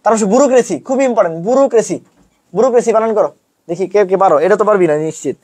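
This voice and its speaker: Young male tutor, rapid colloquial delivery, chants memory rhymes and teases the class. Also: sits high, darkish tone, breathy edge. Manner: chanting mnemonics; colloquial teasing. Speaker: teacher. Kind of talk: online lesson.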